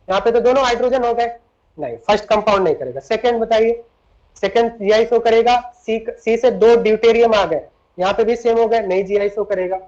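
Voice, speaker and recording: A man's voice: high voice, darkish tone. A man teaching chemistry in a lecture, switching between Hindi and English, explaining step by step and often asking his students questions. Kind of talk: classroom lecture. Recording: dull lo-fi recording.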